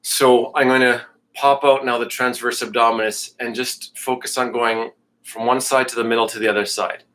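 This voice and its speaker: A man's voice: mid-range voice, level tone, normal speed, fairly bright tone. A man teaching a live yoga class, talking students through breathing cues in a casual, joking way and a bit out of breath. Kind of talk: live online class instruction.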